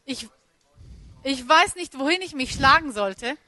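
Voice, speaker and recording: High bright woman interpreting a sermon. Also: measured pace, dry recording. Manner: steady, following phrase by phrase, occasional hesitations.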